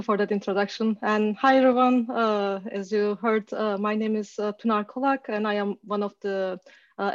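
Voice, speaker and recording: A woman's voice: mid-range voice, no room sound. Woman from turkey in her 30s giving a casual talk over a call, lots of uh and restarts, dry muffled sound. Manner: hesitant, many fillers and restarts. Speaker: guest speaker.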